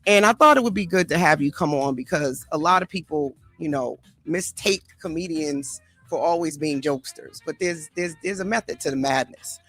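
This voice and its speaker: A host and life coach leading a casual interview, hyping up her guest with energetic introductions. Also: sits low, normal speed, hardly any pauses, dry recording, faint music behind. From Boston area.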